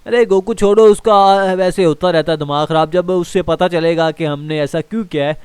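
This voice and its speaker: A man's voice: fairly high pitch, fairly quick, darkish tone, clear, resonant tone, no room sound, lightly acted. Franklin, a chatty laid-back guy voiced by a man. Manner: chatty, uses "yaar" a lot, talks to viewers. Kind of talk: fan game role-play voicing.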